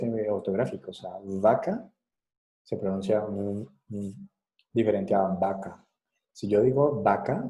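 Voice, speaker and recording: Very dark-voiced male lecturer. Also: lowish voice, poor audio. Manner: explanatory, checks understanding with frequent tag questions. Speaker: psychology lecturer. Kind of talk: recorded class lecture.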